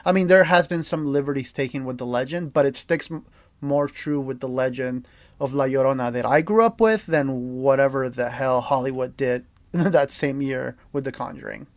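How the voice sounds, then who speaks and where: A young man from El Salvador talks about movies in a loose, excited way, full of "like" and restarts. His voice sits at an average pitch. The recording is dry, with no room sound. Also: normal speed, dry recording. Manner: enthusiastic, rambling with many fillers. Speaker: podcast co-host. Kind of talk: casual film chat.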